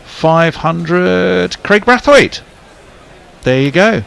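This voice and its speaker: A man's voice: sits high, animated, drawn-out words, creaky, fairly bright tone, smooth. A man doing casual ball-by-ball cricket commentary, rambling with fillers and restarts.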